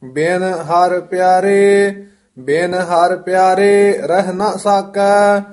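Male student reciting scripture, very slow and monotone, high voice, faint music behind. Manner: measured, chant-like reading line by line.

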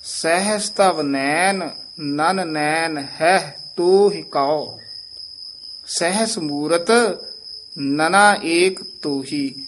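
A man teaching how to pronounce scripture, who says each phrase slowly and then explains the correction. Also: a little high, fairly bright tone, a little hiss or hum. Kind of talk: pronunciation lesson.

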